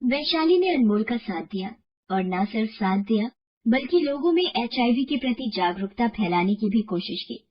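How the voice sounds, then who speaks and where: A woman narrating a bedtime moral story in a steady, scripted way. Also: a little high, normal speed, dull audio, a little hiss or hum. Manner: steady, explanatory.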